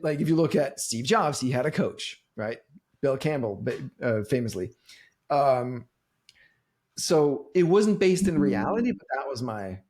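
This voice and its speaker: A man in his forties, guest on a podcast, telling his story candidly in a halting way, restarting often, with his voice rising and falling widely. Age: 40s. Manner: halting, restarts often, wide swings in pitch and loudness.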